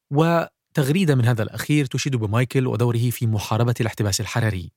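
A man's voice: mid-range voice, darkish tone. A man hosting and narrating a scripted documentary podcast.

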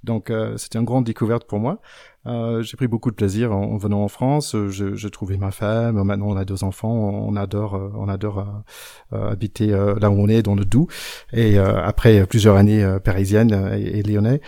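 An American man in his thirties, a native English speaker, talks with a fairly low voice as a podcast guest. He speaks haltingly, with frequent hesitations, and the sound is dry and close. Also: flat delivery, creaky, warm tone, no room sound. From United States. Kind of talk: casual chat.

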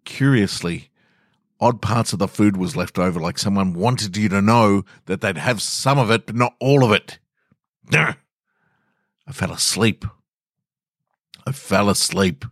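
On a podcast, an Australian man with a lowish but slightly bright voice reads short scripted stories and talks casually to his listeners. He goes a little slowly and pauses often, captured in a dry, clean studio recording.

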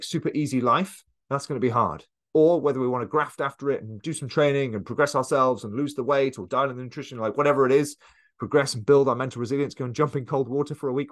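A man coaching listeners in a casual, earnest motivational monologue, with frequent fillers and restarts. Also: medium pitch. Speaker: coach and podcast host.

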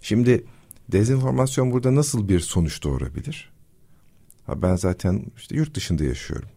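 A man living abroad who explains disinformation in a measured, casual discussion, often pausing with fillers. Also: lowish voice, animated, creaky, dark tone, slightly rough. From Turkey.

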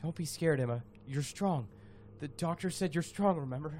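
A woman's voice: low-pitched, normal speed, natural voice. A woman playing a brave, earnest youth confronting spirits in an audio drama, speaking urgently. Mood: earnest, coaxing. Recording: clear background noise.

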